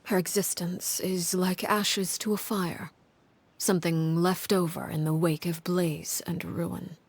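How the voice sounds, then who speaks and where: In a video game, an actress voices a cold, commanding woman who rules a household of orphans. She speaks in a low, husky, hushed tone, calm, measured and menacing, with slight background noise.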